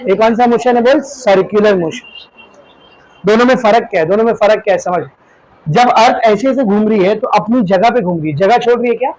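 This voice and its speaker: A male physics teacher with an Indian accent lectures his class, showing objects as he explains, posing questions and answering them himself while calling students "beta." His voice sits high with a darkish tone and a fast pace. The recording is rough, with slight background noise.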